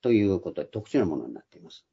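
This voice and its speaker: A man's voice: low voice, sing-song, very fast, vocal fry, slightly rough. An older man giving a Bible study lecture, explaining patiently with frequent hesitant fillers, in a dull lo-fi recording. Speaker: Bible teacher.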